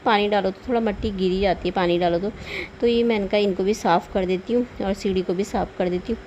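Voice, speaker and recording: A woman's voice: medium pitch, warm tone, dull audio, slight background noise. A woman vlogger casually narrating her housework in a chatty, homely way, with frequent little laughs and tag questions. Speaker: home vlogger.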